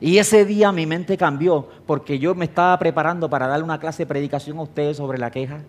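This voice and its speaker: Pastor guy, middle-aged, kinda high voice, tells stories and laughs as he preaches. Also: a little fast. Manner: animated storytelling, laughing, acting out voices. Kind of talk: sermon.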